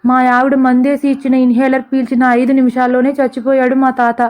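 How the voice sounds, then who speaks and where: A woman's voice: high-pitched, monotone, fairly quick, a little mellow, lightly acted. A woman voicing a foolish, weepy male chauffeur in a comic story. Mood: whining. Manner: whiny, sobbing.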